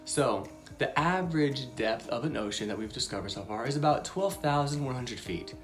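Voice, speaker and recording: A woman hosts a relaxed Bible lesson for little kids, bubbly and chatty with plenty of fillers. Her very deep voice is animated and moderately paced, with soft music underneath.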